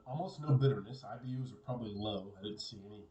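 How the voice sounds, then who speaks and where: Relaxed man musing off-mic. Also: lowish voice, quick pace, distant mic, rough recording. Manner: relaxed, musing, repeats himself. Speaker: beer reviewer. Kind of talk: casual solo review.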